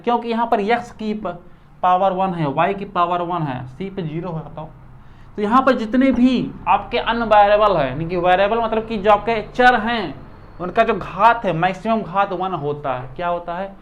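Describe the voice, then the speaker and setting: A man's voice: high voice, highs cut off. A man teaching math in a casual classroom lecture, chatty, repeating questions back to his students.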